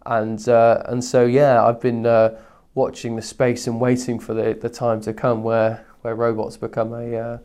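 A man's voice: medium pitch, monotone, measured pace, few pauses, a little mellow, clean tone. A man answering interview questions conversationally as a guest, hesitant and often repeating words as he searches for phrasing.

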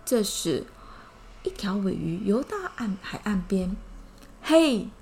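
Woman, Taiwanese Mandarin accent, children's storyteller, sing-song, slow. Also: medium pitch, slightly rough. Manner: animated, sing-song, gently explaining.

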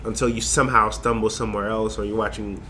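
A young man from Haiti talks as a guest, his voice a little low but bright and forceful. He rambles, looping back with fillers and restarts. A faint hiss sits behind him. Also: flat delivery, fast. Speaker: guest, design lecturer. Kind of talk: casual interview conversation.

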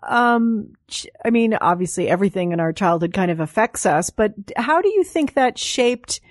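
A woman's voice: mid-range voice, lively intonation, moderate pace, no room sound, studio quality. A woman hosting an interview in a casual, chatty style. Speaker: host, interviewer. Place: studio.

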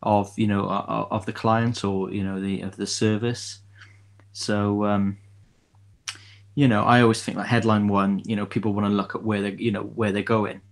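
A man with a lowish voice talks through his podcast topic casually, often stopping to restart his sentences. He keeps dropping in fillers as he thinks. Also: flat delivery, normal speed, creaky. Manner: hesitant, many restarts and fillers. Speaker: podcast co-host. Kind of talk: casual chat.

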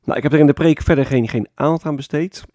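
Calm pastor with a dark voice. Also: male voice, fairly high pitch, quick pace, no room sound, clean studio sound. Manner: calm explanatory preaching with frequent "hè" tags. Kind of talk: sermon.

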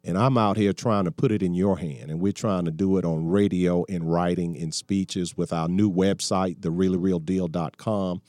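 An older man in his sixties hosts a call-in talk radio show. His voice sits very low and sounds warm and relaxed, caught dry and close on a studio mic. He talks in a folksy, preachy way that doubles back and restarts mid-sentence. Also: normal speed, few pauses, no echo. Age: 60s.

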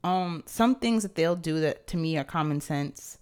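A woman's voice: sits low, lively intonation, normal speed, darkish tone, smooth. A woman in casual conversation, stalling for time as she thinks aloud with hesitant phrasing. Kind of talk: casual chat about zodiac signs and friends.

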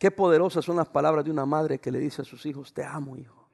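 A pastor preaches a sermon to his congregation. He raises his voice and then drops to soft, quiet words. His voice sits high with a gravelly rasp, and a long church-hall reverb trails every phrase. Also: quick pace.

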